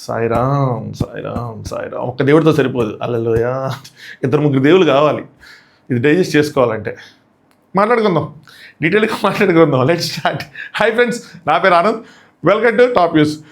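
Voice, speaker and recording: A man hosting a casual comic review, mocking and excitable with slangy asides. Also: fairly high pitch, quick pace. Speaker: show reviewer and host.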